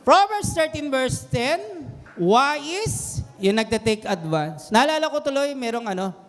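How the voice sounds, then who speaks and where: A man preaching a sermon to a congregation, animated and mixing English phrases in, often putting questions to his listeners. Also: very high voice, a little slow. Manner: animated, mixes English into Tagalog, quizzes the congregation. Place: church hall. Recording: long hall reverb.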